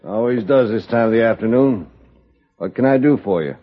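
An actor playing a gruff, folksy middle-aged male railroad superintendent in an old radio drama, brushing off warnings. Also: mid-range voice, fairly quick, close to an everyday voice. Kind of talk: 1950s radio drama acting. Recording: muffled old radio broadcast.

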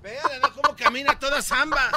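A man, playing a pushy, excitable lawyer in an improvised comedy court sketch. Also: very high-pitched, quick pace, background noise.

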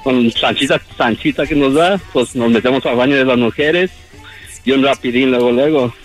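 A man's voice: mid-range voice, normal speed, soft background music, low-quality recording. A man calling in to a radio show, telling a story casually. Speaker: phone-in caller.

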